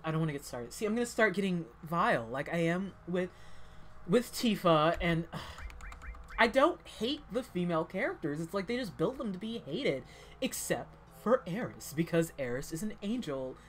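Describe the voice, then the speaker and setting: A woman with a lowish, very animated voice talks at normal speed over slight background noise. As a gameplay commentator, she rambles casually while playing, packing her speech with "like" and sounding heated but cheerful.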